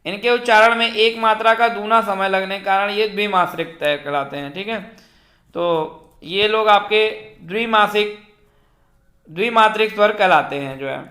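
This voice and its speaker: A man teaching a Hindi grammar lecture for exam preparation, slowly reciting and drawing out vowels, with frequent fillers as he checks that students follow. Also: high-pitched, sharp tone, reverberant. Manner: slow, repetitive, fills with "ठीक है" and "जो है"; draws out vowels when reciting them.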